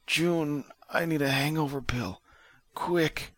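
A man's voice: fairly high pitch, slow, no echo, pitched above the performer's own voice. A man voicing a badly injured male ship captain who talks weakly and breathlessly. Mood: weak, dazed. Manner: weak, strained and breathless.

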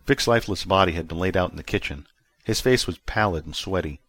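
A man narrating a science fiction story that he wrote, in steady, plain storytelling. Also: deep voice, fast, dry recording. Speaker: author and narrator.

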